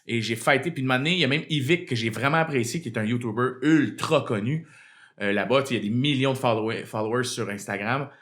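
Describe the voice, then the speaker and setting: Fast-talking Québécois man telling stories. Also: mid-range voice. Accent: Québécois French. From Quebec. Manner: animated storytelling with swearing. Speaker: guest comedian. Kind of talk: casual podcast chat.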